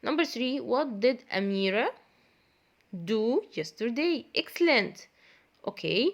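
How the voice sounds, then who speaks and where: A woman's voice: fairly high pitch, animated, takes it slowly. A woman teaching a primary school English lesson, who repeats key phrases, quizzes her pupils and praises their answers. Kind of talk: classroom grammar lesson.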